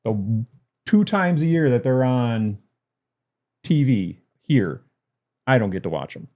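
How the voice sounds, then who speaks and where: A man co-hosts a laid-back wrestling chat show, his voice dark and mellow. He rambles easily, complains with a grin and breaks into laughter now and then. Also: mid-range voice, very animated, takes it slowly. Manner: chatty, laughs while ranting. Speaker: podcast co-host. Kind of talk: casual wrestling podcast chat. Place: lives in Detroit.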